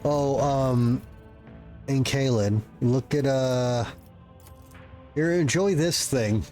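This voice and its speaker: A man's voice: medium pitch, very slow, dark tone, faint music behind. A man giving casual, informal, sometimes sweary commentary as he plays through a video game. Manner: profane, informal. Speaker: gameplay streamer.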